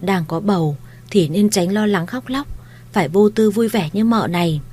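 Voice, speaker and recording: A woman voicing a kind, shrewd young mistress of a household, speaking in a gentle, coaxing, reassuring way. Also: medium pitch, normal speed, husky, close to an everyday voice.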